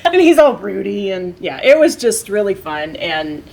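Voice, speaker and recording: A woman's voice: mid-range voice, normal speed, creaky, rough recording. Playful giggly woman guest co-host. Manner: playful, giggly, lively banter. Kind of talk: casual book chat.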